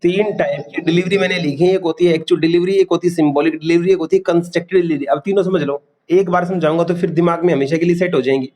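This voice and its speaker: A man's voice: a little high, fairly even intonation, fast talker, few pauses, a little mellow. A man teaching a class, quizzing students and repeating key terms. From India. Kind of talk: classroom lecture.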